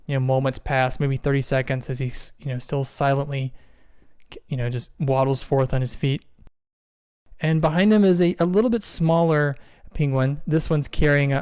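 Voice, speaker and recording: Smooth-voiced male game master. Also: mid-range voice, a little mellow, no echo, clean studio sound. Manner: descriptive, with many fillers. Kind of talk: narrating a tabletop game.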